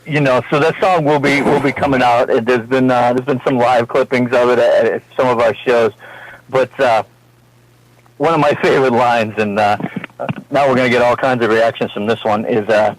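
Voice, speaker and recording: A man's voice: medium pitch, steady tone, normal speed, slight background noise, rough recording. A man with a Massachusetts accent, a heavy metal singer talking as a guest in a casual radio interview, rambling and laughing between phrases.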